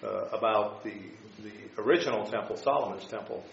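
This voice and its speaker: A man teaching an informal Bible class, explaining scripture and history in a halting, tentative way. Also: fairly low pitch, gravelly. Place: echoing room, teaching a class. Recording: echoey room, dull sound, faint noise.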